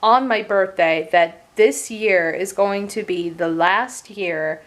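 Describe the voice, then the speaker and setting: A woman's voice: mid-range voice, slow. A woman in her late twenties giving a casual, rambling monthly update vlog from her couch as a gaming streamer. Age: 20s. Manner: chatty and rambling, with frequent fillers and casual swearing. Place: at home on a couch.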